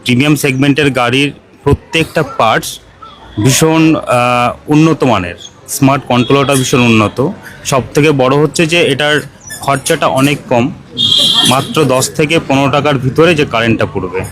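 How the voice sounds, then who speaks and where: A man's voice: medium pitch, brisk, a bit bright, slight background noise, poor audio. A man explaining a product in an interview as a sales representative, mixing in English business terms. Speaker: company sales and marketing representative. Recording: crowd chatter around speaker.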